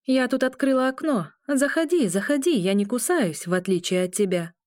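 A mocking, charming witch who barks orders and teases her guest, as a woman puts her on. Her voice sits high above the reader's own tone. It comes across dry and close, like a storybook narration. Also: expressive, normal speed, a little mellow, no echo, lightly acted. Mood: teasing. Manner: teasing, commanding.

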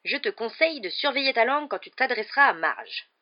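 Loud raised voice, bullying fat uncle barking orders, reader putting it on, muffled lo-fi audio. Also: medium pitch, expressive, a little fast, voice pushed up, lightly acted. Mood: furious. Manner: shouting, stern and menacing. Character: fat bullying middle-aged uncle, blustering and furious. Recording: dull lo-fi recording.

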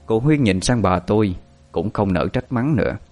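A man narrating a story in a steady, measured way. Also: on the low side, faint music behind.

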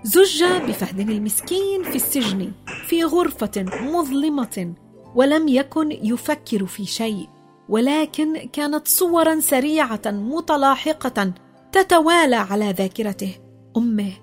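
A woman narrating a children's story, expressive and dropping low in the sad parts. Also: moderate pace, faint music behind.

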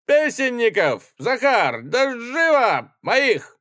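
A man shouting as a drunken raging cavalry captain. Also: very high-pitched, sing-song, slow, no echo, clean studio sound, pitched above the performer's own voice, heavily acted. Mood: boisterous. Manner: shouting, stammering with rage.

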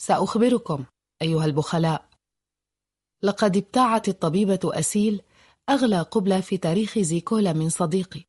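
A woman's voice: mid-range voice, a little fast, darkish tone, breathy edge, lightly acted. A woman voicing an earnest young man who is a loyal friend, in a storybook reading.

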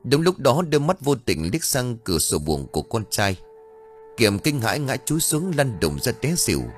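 A man narrating a ghost story audiobook with dramatic, expressive delivery. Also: mid-range voice, normal speed, soft background music.

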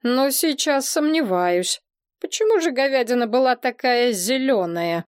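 A woman's voice: a little high, animated, unhurried, clean tone, dry recording, clean studio sound. A woman doing a pompous storybook king. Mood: reporting. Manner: self-important and pompous. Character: proud, nosy storybook king, middle-aged man.

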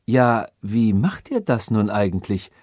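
A man's voice: on the low side, animated, unhurried, a little mellow, slightly rough, dry recording, studio quality. A man reading an audiobook voices a haughty, suspicious robot princess who asks probing questions.

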